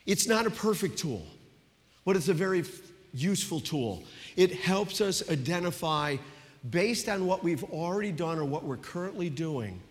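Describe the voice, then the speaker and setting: A male pastor delivers a storytelling sermon, his voice sitting a little high for a man. He sinks to a hushed tone for the personal moments. The sound carries a long reverb, as in a church hall. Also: lively intonation, normal speed.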